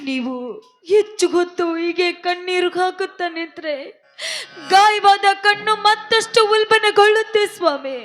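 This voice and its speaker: A devoted wife, as a woman plays her, pleads and consoles in a high, urgent voice. Loud stage music runs under her from a live folk drama. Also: moderate pace. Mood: pleading. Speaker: stage actor.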